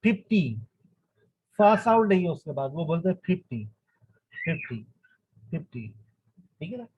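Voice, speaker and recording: Husky-voiced teacher. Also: male voice, high-pitched, lively intonation, quick pace. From Pakistan. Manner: switches between English and Urdu, explanatory. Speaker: English teacher. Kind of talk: online language lesson. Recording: dull lo-fi recording.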